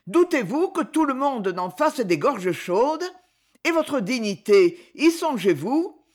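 A shrill, fiery little wife, as the audiobook reader puts her on, scolding in a voice lifted well above the narration. Her pitch leaps and swoops as she rails, and she draws her words out slowly for emphasis. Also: big pitch swings, exaggerated voice. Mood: indignant. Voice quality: high, scolding and indignant. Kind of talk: audiobook character reading.

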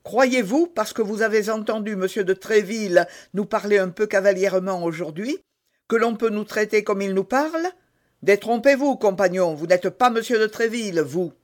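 A man's voice: sits high, unhurried, voice pushed up. A man voicing a proud, wounded musketeer who speaks in a haughty, menacing way, in an audiobook reading. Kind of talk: audiobook character voice.

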